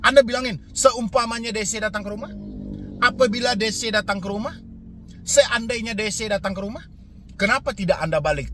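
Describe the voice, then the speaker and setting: A man's voice: fairly high pitch, a bit bright, slight background noise. A man hosting a debt advice channel, talking straight to viewers in a repetitive, coaxing motivational monologue full of rhetorical questions. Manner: repetitive, rhetorical, coaxing, lots of filler tags.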